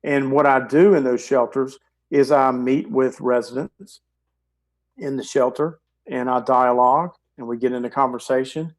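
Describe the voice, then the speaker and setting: A man in his forties, appearing as a guest on a video call, earnestly and carefully explains practical steps while losing his voice. He talks through an earbud headset mic in a mid-range voice with fairly even intonation at a normal speed.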